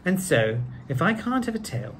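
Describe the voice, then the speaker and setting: A middle-aged British man, co-host of a children's read-aloud channel, reads a story in a theatrical, genteel way from an indoor living room with a piano. His voice is fairly high and sing-song, and he reads at a moderate pace. Slight background noise can be heard.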